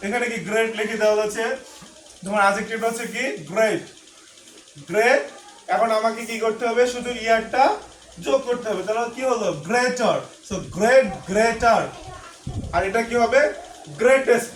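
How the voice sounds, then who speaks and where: A man's voice: very high-pitched, fairly bright tone. A man teaching an online grammar lesson. He mixes English words into his speech and keeps putting rhetorical questions to his students. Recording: echoey room with faint background noise.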